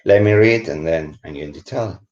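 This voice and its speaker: Slow, low-voiced Spanish-accented English teacher. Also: male voice, a little mellow. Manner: switches between English and Spanish, keeps asking "¿vale?". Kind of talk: live-streamed book review lesson. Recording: roomy, dull lo-fi stream audio.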